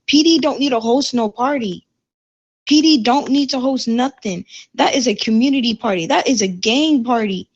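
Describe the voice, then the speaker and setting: A woman's voice: fairly high pitch, moderate pace, lo-fi sound. A woman in roleplay voice chat, heatedly retelling an argument with plenty of profanity.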